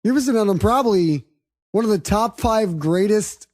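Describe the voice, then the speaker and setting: A woman's voice: medium pitch, animated, normal speed, darkish tone. A woman hosting a casual film review chat, speaking emphatically with plenty of slang and swearing. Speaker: podcast host.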